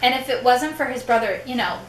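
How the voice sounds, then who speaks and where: Woman, high bright pitch, giggly and eager, roomy echo with faint hiss. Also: a little fast. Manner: enthusiastic, giggly, counting down votes. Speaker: panelist. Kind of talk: casual chat.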